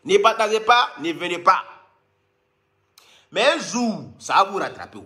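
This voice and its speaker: A man with a Cameroonian French accent delivering a mocking, scolding comic rant to his viewers, with sudden squeaky jumps. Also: animated, unhurried, pushed and bright. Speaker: online commentator.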